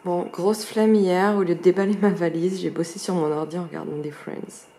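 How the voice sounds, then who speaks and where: A woman's voice: fairly low pitch, fairly even intonation, normal speed, creaky, warm tone, slight background noise. A young woman, chatting casually in a fitness vlog from home and listing things with many fillers. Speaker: fitness vlogger. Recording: roomy echo, faint background ambience.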